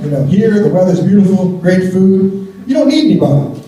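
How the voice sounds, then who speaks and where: His high, mellow voice swings widely in pitch as this American stand-up comedian talks briskly to a live audience. The delivery is wry and chatty, with him laughing at his own jokes, and the theater sound is roomy with a faraway mic.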